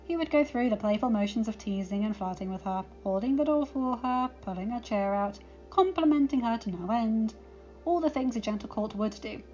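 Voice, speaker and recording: A woman reading a fan fiction story aloud as an audiobook narrator, in an expressive storytelling manner. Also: a little high, fairly quick. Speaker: audiobook reader. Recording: slightly dull lo-fi recording, faint music.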